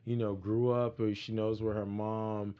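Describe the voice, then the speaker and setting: A man's voice: lowish voice, little pitch movement, measured pace, clear, resonant tone. A man from Miami giving frank, rambling opinions in a casual recap chat, with many fillers. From Miami, Florida. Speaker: panelist. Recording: dull lo-fi audio.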